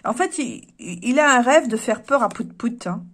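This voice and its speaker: A woman's voice: fairly high pitch, expressive, normal speed, husky. A woman giving a chatty, opinionated tarot reading to her viewers, thinking aloud as she goes. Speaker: tarot reader.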